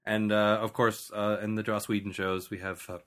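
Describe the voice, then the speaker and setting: A man co-hosts a relaxed podcast conversation, cracking jokes and laughing often. His voice sits on the low side but comes across bright and forceful. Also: normal speed. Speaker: podcast co-host. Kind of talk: casual podcast chat.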